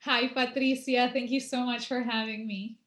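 A young woman who grew up in Argentina, a musician answering interview questions in an unhurried way with many pauses. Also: fairly high pitch, steady tone, fairly bright tone. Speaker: guest musician. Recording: roomy echo.

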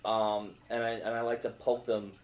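A man's voice: on the low side, level tone, normal speed, a little mellow, reverberant. A young man, a stand-up comedian, chatting casually and telling a rambling story full of fillers and restarts. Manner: rambling storyteller, many fillers and self-interruptions. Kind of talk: casual podcast chat.

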